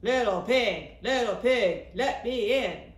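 Woman doing a loud blustering big bad wolf. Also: on the high side, expressive, takes it slowly, background noise. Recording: echoey room, distant mic.

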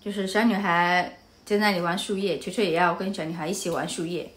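A woman's voice: lowish voice, fairly even intonation, a little fast. A woman from Anhui, China, vlogging casually and telling a story animatedly, often turning to the viewer with asides.

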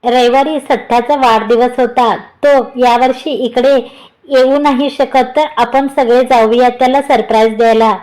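A woman voicing a bashful young wife, high. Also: fairly even intonation, unhurried, darkish tone, lightly acted. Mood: coaxing. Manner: flustered, scolding and coaxing. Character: young bashful newlywed wife, flustered and pleading.

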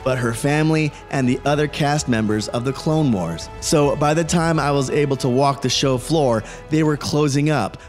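Enthusiastic guy in his 40s narrating his vlog, kinda high voice, long reverb on it. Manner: upbeat, enthusiastic collector. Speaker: host. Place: home studio with toy shelves.

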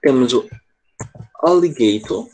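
A man's voice: medium pitch, expressive, slow, darkish tone. A man teaching an online English lesson to children, patient and constantly checking in with short questions. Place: online class over a video call.

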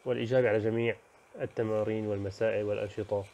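A man teaching, running briskly through the topics of a lesson and pausing on fillers and self-corrections. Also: lowish voice, little pitch movement, vocal fry, dark tone. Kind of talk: lesson overview.

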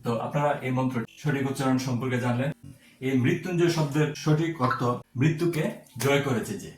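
A man giving a slow, careful pronunciation lesson, spelling words out sound by sound. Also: medium pitch, steady tone, echoey room, recorded from a distance, faint music behind. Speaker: teacher.

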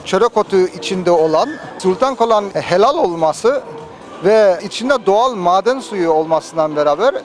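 A man's voice: high voice, animated, moderate pace, a faint crowd. A man giving a promotional interview as a company representative, phrasing things hesitantly in short pieces.

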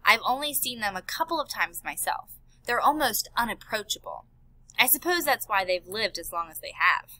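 A woman's voice: medium pitch, expressive, normal speed, pushed and bright, no room sound, low-quality recording. Woman voicing an earnest worried scientist father. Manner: earnest, pleading.

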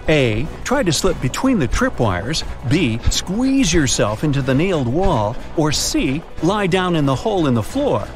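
Animated man narrating a riddle adventure. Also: on the high side, unhurried, few pauses, music in the background. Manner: lively, dramatic, second-person storytelling with quiz questions. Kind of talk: scripted narration of riddle story. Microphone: studio voice-over.

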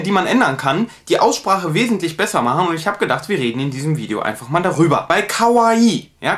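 A man from Germany teaching Japanese pronunciation in a casual lesson, slowing down to draw out sample words. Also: a little high, fairly bright tone. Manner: slow, drawn-out demonstration of pronunciations.

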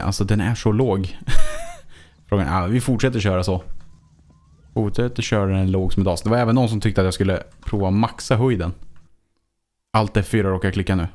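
A man giving casual let's play commentary as a gaming YouTuber, chatting to himself with frequent swearing and chuckles. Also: fairly low pitch.

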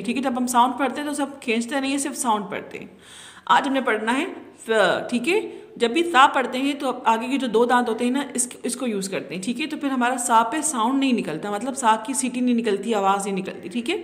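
Woman teacher, high voice, patient nursery Quran lesson, roomy long-reverb sound. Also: a little fast. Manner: patient, repeats "thik hai" often; speaks gently to small children. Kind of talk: children's Quran reading lesson.

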